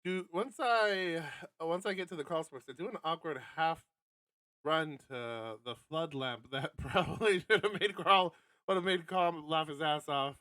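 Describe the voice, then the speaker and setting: Streaming a game with guitar music from it in the background, a man reads aloud and chats casually, wry and sweary, now and then stumbling over words. His voice is a little high, bright and forceful, unhurried, and the recording is dry.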